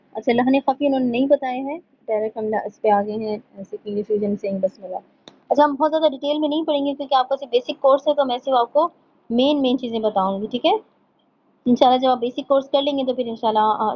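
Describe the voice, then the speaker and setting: Woman teacher for an online lesson, fairly high voice, dull lo-fi sound, slow reading of points, frequent check-ins. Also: a little hiss or hum. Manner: explains in Urdu, reads English points slowly from slides; checks in often with "theek hai". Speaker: tajweed teacher.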